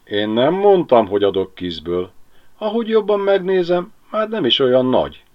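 A man's voice: mid-range voice, very animated, pitched above the performer's own voice, lightly acted. A man voicing a proud, greedy owl hunter who talks in a smug, self-satisfied way, on a dull lo-fi recording.

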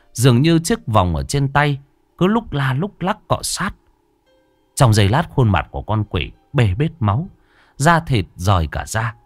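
A man narrating a horror story in a dramatic, drawn-out storytelling manner. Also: mid-range voice, dry recording.

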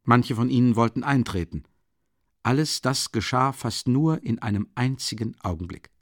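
Male narrator, mid-range voice, even storytelling delivery, dead-dry studio sound. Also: mid-range voice, moderate pace, no echo. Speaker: audiobook reader. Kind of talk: scripted narration.

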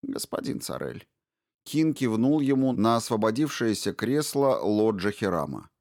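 A man reading a first-person audiobook in a measured, even way. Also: lowish voice, dry recording, studio quality. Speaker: audiobook narrator.

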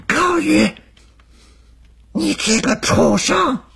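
A man voicing a jealous, furious young woman in a spoken story, high and raspy. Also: animated, very slow, a bit bright, full character voice. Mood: shouting. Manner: shrill, high, shaky.

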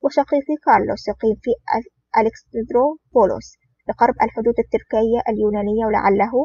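A reader voicing a scheming male crime boss in an audiobook, in a measured, smooth manner. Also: medium pitch, fairly even intonation, slight background noise, lightly acted. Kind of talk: audiobook reading. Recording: dull lo-fi recording.

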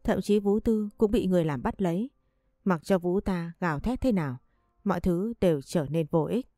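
A woman reading a family drama story aloud in a steady storytelling voice. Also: lowish voice, moderate pace, dry recording. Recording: dry close voice with faint music behind.

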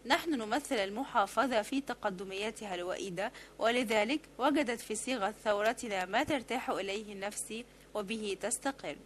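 A woman reading a literary novel aloud as an audiobook, in a measured, steady way. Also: medium pitch, slight background noise. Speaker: audiobook reader.

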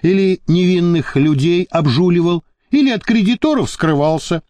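Brief: male narrator as a wry, mocking henchman in an audiobook, lecturing, mellow voice, dry recording. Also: sits high, expressive, moderate pace, no room sound, voice pushed up. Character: sardonic reasoning male henchman.

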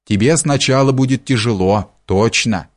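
A man voicing a conceited young valet who talks down with pompous, drawn-out condescension. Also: mid-range voice, lightly acted. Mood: condescending.

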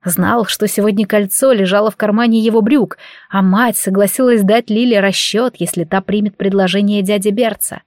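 A woman's voice: medium pitch, steady tone, normal speed, a little mellow, no room sound, studio quality. A woman reading a fantasy novel aloud as an audiobook narrator. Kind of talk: scripted narration.

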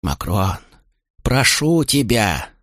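A man's voice: on the low side, wildly swooping pitch, normal speed, a bit bright, slightly rough, dry recording, studio quality, full character voice. A man voicing a cowardly traitor who wheedles, bargains and begs in a nervous voice. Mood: pleading.

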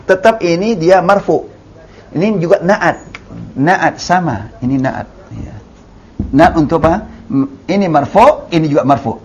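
A husky male voice on the high side leads a classroom lesson on Arabic grammar with an Indonesian accent. He patiently explains, repeats the important terms, and stretches out the words he demonstrates.

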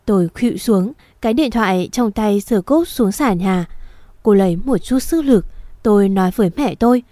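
Dark-toned woman narrating a somber story. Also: mid-range voice, expressive, normal speed, no echo. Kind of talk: scripted first-person story narration.

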